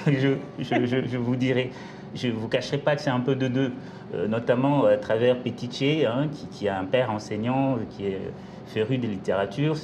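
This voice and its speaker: A man from Congo, a novelist, answering interview questions in a measured, articulate way with some hesitations. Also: mid-range voice, fairly even intonation, noisy background. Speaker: novelist guest.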